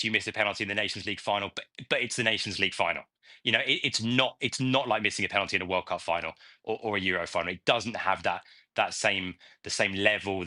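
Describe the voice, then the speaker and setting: Male football pundit, quick and bright-toned, reflective panel talk. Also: lowish voice. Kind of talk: studio panel discussion.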